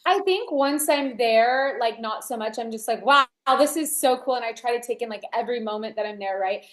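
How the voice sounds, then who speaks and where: A young American woman from a Brazilian family, who grew up speaking Portuguese first, chats upbeat as a podcast guest, a DJ and entrepreneur, saying "like" a lot. Her voice is on the high side and brisk, with a roomy sound to the casual interview.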